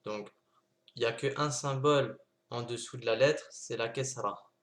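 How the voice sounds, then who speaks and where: A man's voice: medium pitch, unhurried. Man, teacher, patient, repetitive, demonstrates consonant sounds, online lesson, computer mic. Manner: patient, repeats points with many "donc" and "d'accord". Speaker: Arabic teacher.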